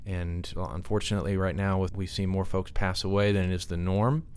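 A man with a smooth, fairly low voice gives expert advice on a podcast. His intonation stays quite flat, and he speaks haltingly, doubling back on words as he explains. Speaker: podcast guest, financial consultant.

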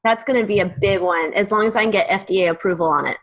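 A woman's voice: mid-range voice, fast, slight background noise. A middle-aged woman co-hosts a casual podcast. She talks bluntly and swears freely. She jokes her way through her stories. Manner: blunt, profane and joking. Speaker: podcast co-host.

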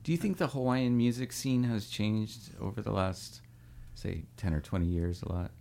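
A man hosting a casual interview chat, supportive and quick to agree with his guests. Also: lowish voice, creaky, warm tone.

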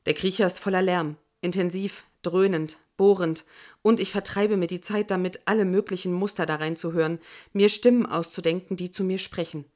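Audiobook narrator: woman, slightly low pitch, measured, tense first-person read. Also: steady tone, a little mellow.

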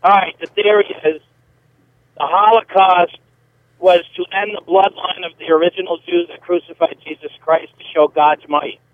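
A man's voice: high voice, steady tone, moderate pace, dry recording. Man calling in on a breaking-up phone line. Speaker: caller. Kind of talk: call-in to a talk show.

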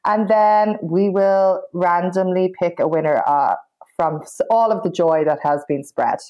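Casual Irish woman podcaster, lowish voice. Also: measured pace, highs cut off. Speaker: podcast co-host. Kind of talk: casual chat.

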